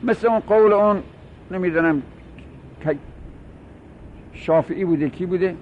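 A man's voice: sits high, a little hiss or hum. A man teaching a grammar lesson, explaining terms, repeating them and asking his students questions. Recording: dull lo-fi recording.

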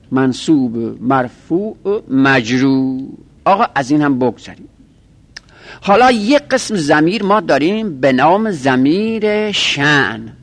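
A man teaching a grammar class, explaining step by step and repeating each example in a list. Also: medium pitch. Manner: methodical, repeats examples in lists. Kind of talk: classroom lecture.

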